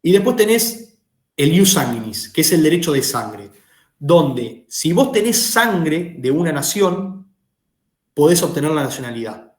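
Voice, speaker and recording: A man's voice: fairly high pitch, very animated, unhurried, echoey room. A man with an Argentine Rioplatense accent teaching a law class, explaining concepts and asking the students questions. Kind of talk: lecturing a class.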